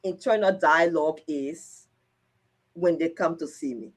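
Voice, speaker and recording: A woman counselor calmly explaining her views in casual conversation. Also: low-pitched, unhurried.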